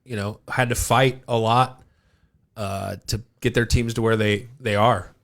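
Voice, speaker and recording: A man's voice: lowish voice, steady tone, a little slow, gravelly. A man co-hosting a podcast, talking sports in a laid-back way and getting fired up about players. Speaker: podcast co-host. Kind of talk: casual sports chat.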